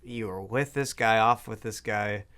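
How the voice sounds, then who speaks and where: A man in his thirties with a smooth, clear voice talks casually, throwing in jokes and then turning reflective as he tells his side of the story. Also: on the low side, measured pace, bright, forceful tone. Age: 30s. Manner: joking interjections, reflective when telling his side. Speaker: co-host of a couple's channel.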